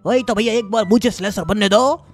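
A man from India, giving loud, excitable gameplay commentary full of teasing banter and sudden shouts. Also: high voice, a little fast, soft background music. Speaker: gaming YouTuber.

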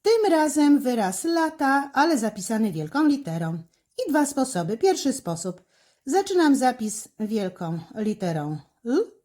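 Careful woman teacher with lively pitch. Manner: slow, careful, instructive, with fillers. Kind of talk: handwriting lesson with step-by-step commentary.

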